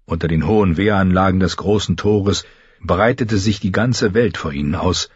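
Male audiobook narrator, low husky voice, measured read; dry, dull-sounding recording. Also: no room sound. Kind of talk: scripted narration.

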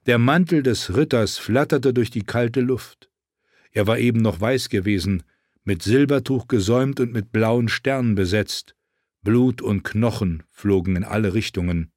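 A man with a low voice reads a novel aloud, steady and measured. The recording is close and dry with no room sound. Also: dry recording. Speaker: audiobook narrator. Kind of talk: reading a fantasy novel aloud.

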